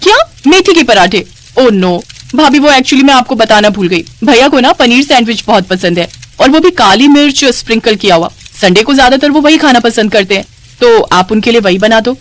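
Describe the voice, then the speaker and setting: A woman plays a spoiled, scheming young sister-in-law in an animated storybook, sounding shrill, sneering and bossy. She talks a little fast, close to her everyday voice.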